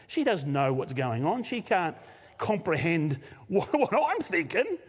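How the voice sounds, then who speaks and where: A man with an Australian accent, a senior pastor, telling a personal story in a live sermon with lively laughs. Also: a little high, slow. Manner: animated storyteller, laughs often. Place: church auditorium, live service. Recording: long hall reverb.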